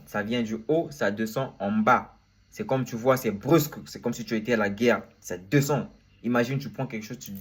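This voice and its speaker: A man giving an informal lesson, speaking directly to the viewer, repeating points over and over and mixing in short English phrases. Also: mid-range voice. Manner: repetitive, addresses viewer as tu, demonstrates tones aloud. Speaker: Chinese language teacher.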